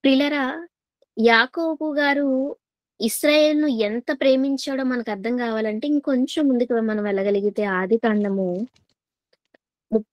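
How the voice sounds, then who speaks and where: A woman preacher delivering a sermon in a fairly high voice. She keeps putting questions to her listeners and says key lines twice for weight. The sound is dry and close. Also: normal speed, pauses often, dry recording.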